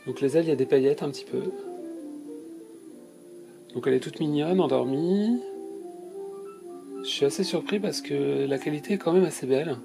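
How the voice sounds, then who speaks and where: With music in the background, a man with a slightly high, creaky voice speaks at a moderate pace and pauses often. He runs a toy unboxing channel and, congested from a cold, describes each toy hesitantly and casually with lots of fillers.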